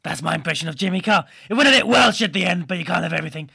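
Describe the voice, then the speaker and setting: A man doing a goofy, laddish superhero for a comic podcast, with a gravelly, rasping voice pitched high and bright. The talk rambles along and keeps bursting into excited shouts. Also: racing, heavily acted. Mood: rambling. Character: goofy laddish male superhero chatting about TV.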